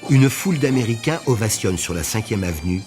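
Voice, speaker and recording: A man reading scripted documentary narration in a measured, even way. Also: fairly low pitch, over music.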